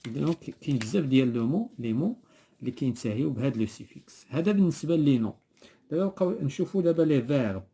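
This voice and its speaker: A man's voice: medium pitch, animated, very fast, dark tone, husky. A man with a Moroccan Arabic accent teaching a French lesson in class, patiently repeating terms and prompting a pupil to finish words. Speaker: primary school French teacher.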